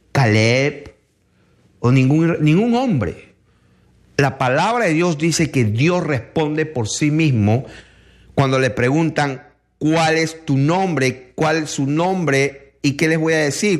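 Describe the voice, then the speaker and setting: A man giving a Bible teaching, reading scripture aloud and explaining it with many pauses. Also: on the high side, animated. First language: not Hebrew.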